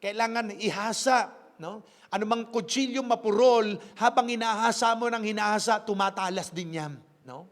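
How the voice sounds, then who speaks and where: A man's voice: high voice, moderate pace, in a large hall. A man with a Filipino accent preaching a sermon as pastor, switching between Tagalog and English and tagging phrases with a questioning "no?". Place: church.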